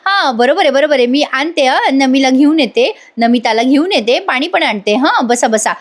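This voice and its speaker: A woman's voice: sits high, lively intonation, normal speed. A woman voicing a fussy middle-aged aunt who fusses over marriage guests and is eager to please. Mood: fussing.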